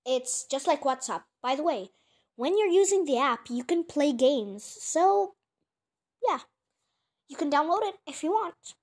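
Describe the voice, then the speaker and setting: High-voiced chatty female creator. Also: expressive. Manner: chatty, self-mocking, quick asides. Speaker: video creator reacting to own clips. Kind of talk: casual chat.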